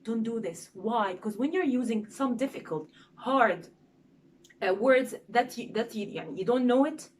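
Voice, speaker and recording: Lively woman teaching English, fairly high voice. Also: a little slow. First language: Egyptian Arabic. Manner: lively, demonstrative, frequent "okay?" and "uh" fillers. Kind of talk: casual English lesson on presentation skills.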